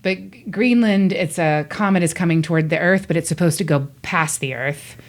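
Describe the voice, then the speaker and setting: A woman guest telling stories in a lively way and acting out the quotes she tells. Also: lowish voice, normal speed. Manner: animated storytelling, acts out quotes. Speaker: guest, voice actor. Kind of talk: casual interview chat.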